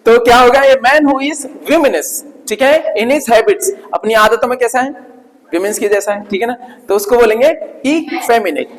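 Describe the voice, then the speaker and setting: Hindi-speaking male teacher in a reverberant hall. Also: extremely high pitch. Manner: repetitive, drills words, checks in with "ठीक है ना"; slow, drawn-out spelling of sounds. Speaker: English vocabulary teacher. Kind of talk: classroom vocabulary lesson.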